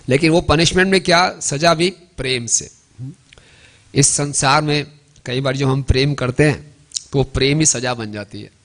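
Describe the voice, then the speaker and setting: A man gives a devotional sermon as a story. He speaks at a mid pitch, often checks in with the listeners, and slows down to chant verses. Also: a bit bright. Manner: chants Sanskrit verses slowly, adds tag questions. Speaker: devotional preacher.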